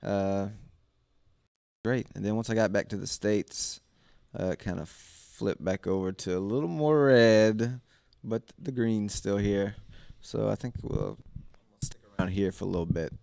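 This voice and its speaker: A man co-hosting casual comedic banter, halting and full of fillers and chuckles, into a handheld microphone. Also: on the low side, creaky, a little mellow, no room sound, clean studio sound. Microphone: handheld microphone with switch.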